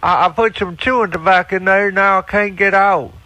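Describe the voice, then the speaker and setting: Dopey, high-pitched stammering simpleton. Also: male voice, steady tone, fairly quick, pushed and bright, no room sound. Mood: dim, earnest. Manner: stammering, repeating words, broken grammar. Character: dim-witted, whiny circus freak little brother in a wheelchair. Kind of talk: prank phone call character comedy.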